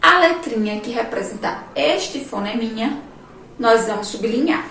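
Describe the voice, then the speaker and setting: A woman teacher with a Brazilian Portuguese accent giving a remote lesson to young children, spelling words out slowly, syllable by syllable. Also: fairly high pitch, animated, gravelly, fairly bright tone, a little hiss or hum. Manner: slow, syllable-by-syllable teacher talk with diminutives. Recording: echoey distant room mic, faint ambience.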